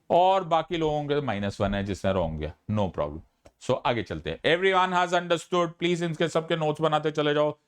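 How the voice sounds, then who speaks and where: A middle-aged Indian man teaching an online exam-prep lecture, coaxing and lively, switching between Hindi and English. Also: mid-range voice. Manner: lively, coaxing teacher talk mixing Hindi and English, calls students "my child".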